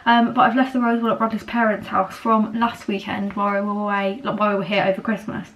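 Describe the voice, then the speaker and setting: A woman in her twenties chatting casually to her camera at home, rambling a little and filling pauses with ums. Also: medium pitch, little pitch movement, fairly bright tone, lo-fi sound. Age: 20s. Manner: chatty, rambling, many fillers. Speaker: vlogger. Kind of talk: casual vlog chat. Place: at home, indoors. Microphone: camera on a small tripod.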